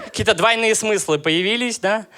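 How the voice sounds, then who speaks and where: A man in his thirties from Russia, performing a stand-up comedy set with deadpan, ironic jokes and crowd work. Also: sits high, normal speed, background noise. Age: 30s.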